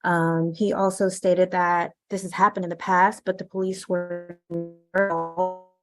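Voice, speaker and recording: A woman's voice: on the low side, flat delivery, a little slow, over music. A woman prosecutor giving a hesitant, formal statement to a court over a video call, her audio breaking up into a robotic, glitchy bad connection. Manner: hesitant, with frequent ums.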